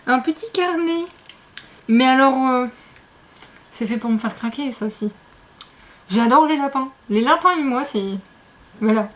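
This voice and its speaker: Chatty woman with a high voice. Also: unhurried, pauses often. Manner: chatty and rambling, gushes over items. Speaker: book vlogger. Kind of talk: casual unboxing chat.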